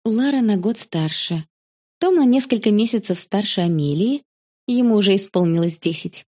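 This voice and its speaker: A woman voicing a gentle, caring mother in a storybook reading, speaking softly and reassuringly. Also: medium pitch, expressive, moderate pace, lightly acted. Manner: soft, reassuring.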